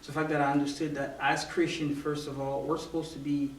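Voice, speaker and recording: A man's voice: fairly high pitch, little pitch movement, brisk. Male interview guest, raised in Africa, hesitant, far from mic in an echoey room. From born in Romania, raised in Africa. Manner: hesitant, repeats words while thinking. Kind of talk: casual interview chat. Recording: roomy, distant mic, faint noise.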